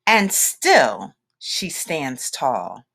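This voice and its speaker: A woman with an extremely low, gravelly, husky voice reads a children's picture book aloud. Her storytelling is slow and deliberate, rich with expression and dramatic pauses.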